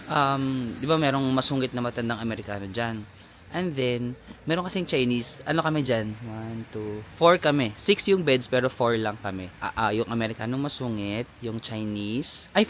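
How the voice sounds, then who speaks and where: A man's voice: fairly high pitch, slight background noise. Chatty man vlogging outdoors. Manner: chatty and animated, laughs often, mixes in English phrases. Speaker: travel vlogger. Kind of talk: casual travel vlog storytelling. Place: outdoors in a lakeside village.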